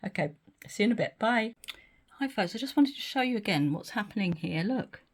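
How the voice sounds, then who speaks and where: This resin art vlogger, a middle-aged woman, talks at a fairly quick clip in an animated, medium-pitched voice. She's losing her voice but stays giggly and easily pleased as she chats through the demonstration.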